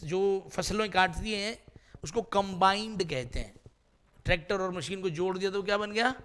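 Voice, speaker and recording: A man's voice: high-pitched, moderate pace, a bit bright, smooth. A man teaching English vocabulary in a classroom, quizzing students with repeated questions in a playful way.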